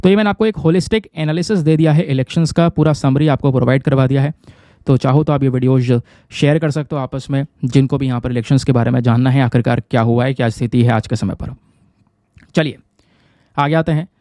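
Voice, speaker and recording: A man's voice: medium pitch, fast, dark tone, no room sound, clean studio sound. A man teaching current affairs to exam students in a chatty way, often checking with his viewers. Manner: conversational, keeps checking with listeners. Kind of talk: explaining news to exam students.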